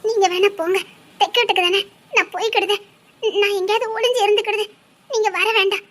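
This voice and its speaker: A frightened young woman on the run, as a woman acts her out in an audio drama, speaking with a Tirunelveli Tamil accent. Her voice sits extremely high, and she pleads and worries as if close to tears. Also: steady tone, fast talker, fairly bright tone. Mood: anxious. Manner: anxious, pleading, often near tears.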